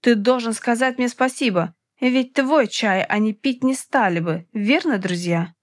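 A woman's voice: fairly high pitch, a little slow, dry recording. A cunning male spy with a cool, mocking tone in a storybook, voiced by a woman narrator. The sound is close and dry. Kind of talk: audiobook character voice.

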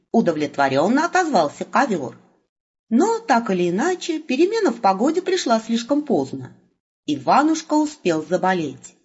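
Husky woman with a lively narrating voice. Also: fairly low pitch. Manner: lively, ironic storytelling. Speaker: audiobook narrator. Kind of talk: expressive audiobook narration. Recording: muffled lo-fi recording.

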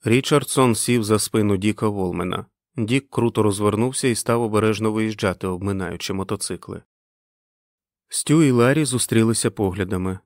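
Low-voiced male audiobook narrator. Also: normal speed, no room sound, clean studio sound. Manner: expressive storytelling.

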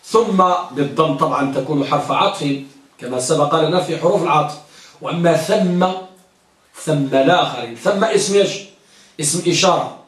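A man's voice: on the high side, brisk. A man teaching an Arabic grammar lesson. He asks his students questions and answers them himself, repeats key words and recites verses of grammar poetry. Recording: echoey room, mic at a distance.

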